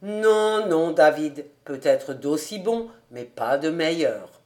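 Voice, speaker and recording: A woman lowers her voice into a jovial storybook man, easygoing and bantering. He speaks slowly, with a teasing good humour. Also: lively intonation, darkish tone. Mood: warm.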